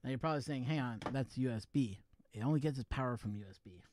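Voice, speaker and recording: A man rattles along at a quick pace on his casual live stream, chatting loosely with viewers as he fiddles with equipment. His mid-range voice has a darkish tone, coming through a wireless USB microphone with a little hiss or hum.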